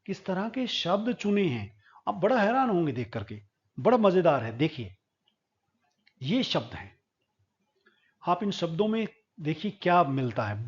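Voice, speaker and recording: A man's voice: sits high, darkish tone, dull audio. A middle-aged man teaching a poetry lesson, explaining patiently step by step and repeating the key points. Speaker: English teacher. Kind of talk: classroom lecture on poetry.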